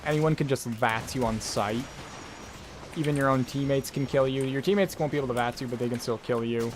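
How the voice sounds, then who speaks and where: A man's voice: medium pitch, fairly quick, a little hiss or hum. A man streaming a game live, rambling casually and reacting to his chat with loose jokes. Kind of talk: casual live gameplay commentary.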